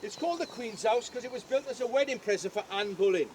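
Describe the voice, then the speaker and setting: An older Welsh man speaks at an extremely high pitch and a fast pace, with a noisy background behind him. He's giving a jokey, chatty guided tour outdoors at a historic castle and often asks the crowd questions.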